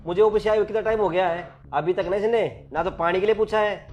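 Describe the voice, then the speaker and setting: A man's voice: sits high, fast, a little mellow, muffled recording, faint music behind, close to an everyday voice. A young man playing a husband who complains resentfully to his mother about his wife. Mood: irritated. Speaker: son and husband. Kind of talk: family drama short.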